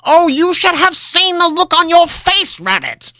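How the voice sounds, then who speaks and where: A man voicing an eccentric old male wizard master, theatrical and mischievous, with a high, booming, cackling voice. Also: huge pitch swings, unhurried, sharp tone, dry recording, studio quality, full character voice. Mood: gleeful, theatrical. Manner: theatrical, mischievous, grand pronouncements. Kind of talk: storybook character voice.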